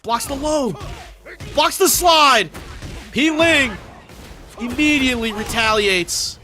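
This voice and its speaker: A young man calling a fighting game match live as play-by-play commentator, excitable and rapid, breaking into shouts at big moments. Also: extremely high pitch, soft background music. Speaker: esports commentator.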